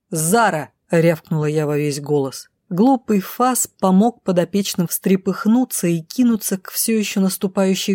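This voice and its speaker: A woman's voice: lowish voice, warm tone, no echo, studio quality. A woman reading a dramatic fantasy audiobook in the first person, tense and urgent, and voicing the characters' lines herself. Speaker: audiobook narrator.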